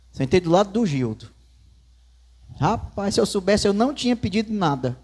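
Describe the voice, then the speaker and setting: A man's voice: sits high, darkish tone, breathy edge. A man with a Northeastern Brazilian accent, a pastor preaching a sermon in church with folksy asides and storytelling.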